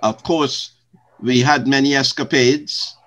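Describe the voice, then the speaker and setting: An older man from Guyana, a retired pastor, answering interview questions in slow, measured, formal phrasing. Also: mid-range voice, fairly even intonation, fairly bright tone.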